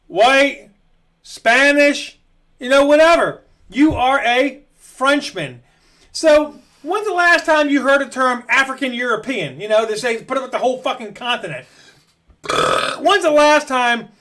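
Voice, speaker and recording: A man's voice: very high-pitched, a bit bright. A man from Maryland delivering a blunt, profane political rant to camera as a vlogger. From Maryland, USA.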